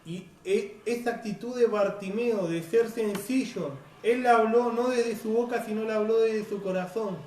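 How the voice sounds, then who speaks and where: A male preacher, giving an earnest, unhurried sermon that keeps asking "right?". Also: high voice, darkish tone. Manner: earnest, unhurried, frequent "right?" tag questions. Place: church hall. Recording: echoey hall, distant mic, faint noise.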